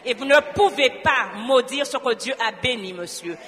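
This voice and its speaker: A woman's voice: fairly high pitch, lively intonation, normal speed, fairly bright tone, long reverb tail, a little hiss or hum. A woman from Guadeloupe giving a spoken church testimony, telling her story with animation and acting out both sides of a conversation.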